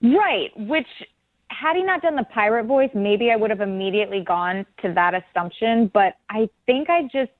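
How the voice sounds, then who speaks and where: A woman's voice: fairly high pitch, expressive, normal speed, no room sound. A young woman called on the phone by a radio show, talking hesitantly with lots of fillers. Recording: tinny phone line.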